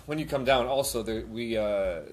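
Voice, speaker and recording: A man's voice: mid-range voice, moderate pace, a little hiss or hum. A man hosting a live missionary interview. He stumbles, repeats his words, and laughs easily. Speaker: missionary host.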